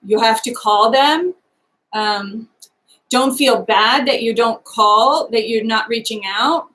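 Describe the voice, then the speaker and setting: Psychic medium, woman, slightly high voice, soft and hesitant, lots of "um"s, live reading. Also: poor audio. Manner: hesitant, halting, many fillers; speaks gently in first person for the sitter.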